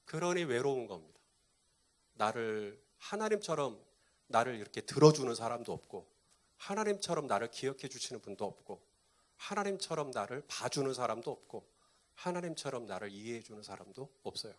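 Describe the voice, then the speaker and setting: A pastor preaching a sermon to a live congregation, quizzing them and repeating key points. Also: male voice, mid-range voice.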